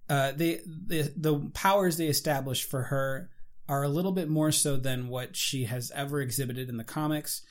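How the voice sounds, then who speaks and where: A man in casual conversation reviewing a movie, animated and full of fillers and restarts. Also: medium pitch, moderate pace.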